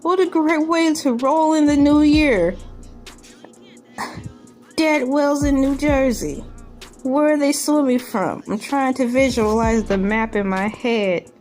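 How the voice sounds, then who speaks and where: Her voice sits high and a little mellow, and she takes things slowly. As a video host, this woman jokes her way through a news article with incredulous, rambling asides, all over a background music bed.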